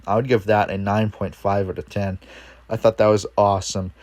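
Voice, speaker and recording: A man's voice: on the low side, little pitch movement, normal speed, darkish tone, no room sound. A man vlogging outdoors while he cooks and tastes his food, chatting in an upbeat, rambling way. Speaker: cooking vlogger. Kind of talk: casual chat while tasting food.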